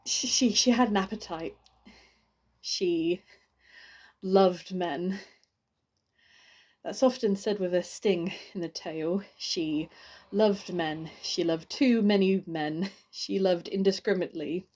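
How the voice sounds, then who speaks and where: A woman playing a halting, grieving friend at a funeral. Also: on the low side, darkish tone. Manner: halting, stammering, many restarts. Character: grieving woman giving her friend's eulogy. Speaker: actor. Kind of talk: audition monologue.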